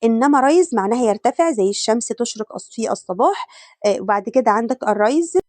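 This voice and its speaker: An Egyptian woman teacher runs through exam revision at a rapid clip. She asks questions and answers them herself, in a voice a little higher than most. The sound is close and dry, with no room echo. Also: animated, darkish tone. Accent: Egyptian Arabic. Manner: brisk and drilling, asks and answers her own questions. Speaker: English teacher.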